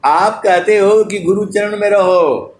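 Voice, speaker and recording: Male preacher giving a devotional sermon, slow chant-like delivery, sung verses between teaching, pitched a bit high. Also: darkish tone, roomy sound. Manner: addresses listeners fondly as dear devotees. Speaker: spiritual preacher.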